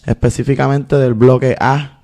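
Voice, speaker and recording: A Puerto Rican activist and filmmaker in his thirties appears as an interview guest, telling his story in long, earnest, unhurried stretches packed with fillers. His mid-range voice is gravelly, dark and mellow, with little pitch movement.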